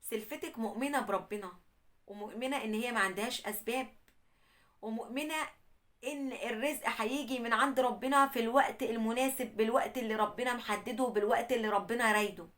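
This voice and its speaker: Fast-talking Egyptian woman storyteller. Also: on the high side, fairly bright tone. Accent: Egyptian Arabic. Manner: earnest, admonishing. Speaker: host reading a listener's story. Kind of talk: first-person storytelling and religious advice.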